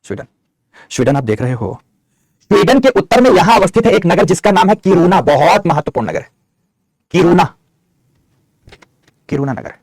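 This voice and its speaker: A man's voice: high voice, very animated, moderate pace, long pauses, a little mellow, no room sound. A middle-aged male geography teacher, giving an online map lecture, answering students' chat questions and dictating notes.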